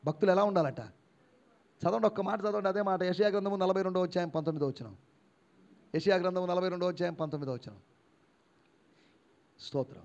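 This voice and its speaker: A man preaches in a high, animated voice, swinging from soft asides to loud emphatic shouts. He acts out the replies of imagined listeners. The church recording sounds dull and lo-fi. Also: creaky. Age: 50s. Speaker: pastor. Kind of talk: sermon.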